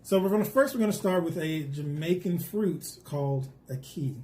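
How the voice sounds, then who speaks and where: A man co-hosting a casual food talk, going through facts in a relaxed, joking way. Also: high voice, normal speed. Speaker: co-host.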